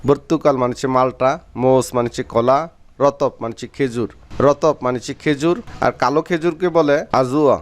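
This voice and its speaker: A man from Bangladesh gives a vocabulary lesson in a smooth, resonant voice. He sits at a middle pitch and repeats each word slowly and clearly so learners can follow. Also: fairly even intonation. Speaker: Arabic language teacher.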